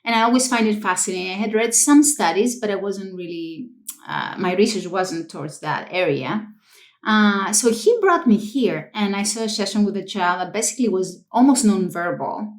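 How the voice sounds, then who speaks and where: A woman's voice: medium pitch, normal speed, reverberant. A woman from Greece with a Greek accent, a researcher telling her story as an interview guest. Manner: animated storytelling with fillers. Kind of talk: casual interview.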